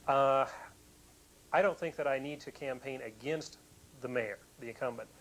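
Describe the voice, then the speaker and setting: A man's voice: mid-range voice, moderate pace, slight background noise, rough recording. Earnest male first-time candidate. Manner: earnest, self-conscious laughs. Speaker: political challenger, interviewee. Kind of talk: live remote interview.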